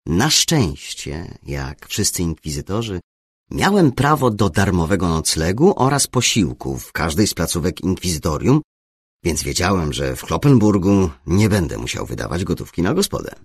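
Low, gravelly male audiobook narrator. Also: big pitch swings, moderate pace, dry recording, studio quality. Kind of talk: first-person novel narration.

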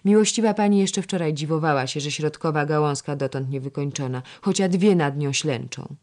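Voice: medium pitch, fairly quick, a little mellow, close to an everyday voice. A narrator voicing a strict, proper young lady-in-waiting who scolds her companions, in a historical storybook. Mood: urging.

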